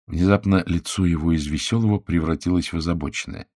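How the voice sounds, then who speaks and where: A man narrating an audiobook in a measured, expressive reading. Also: low voice, dry recording, clean studio sound. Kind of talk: scripted narration.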